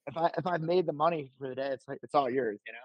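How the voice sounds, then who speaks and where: A man's voice: on the high side, very fast, no room sound, muffled recording. A young man from New Jersey, a podcast guest, telling loose rambling stories and saying "like" constantly. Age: young adult. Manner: laid-back, filler-heavy, says "like" constantly. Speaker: podcast guest, baklava vendor. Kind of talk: casual chat, rambling storytelling.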